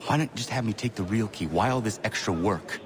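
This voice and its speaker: An actor playing a stern, impatient prisoner hero who speaks bluntly, formally and with skepticism. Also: male voice, fairly low pitch, fairly quick, a crowd in the background, lightly acted. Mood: skeptical.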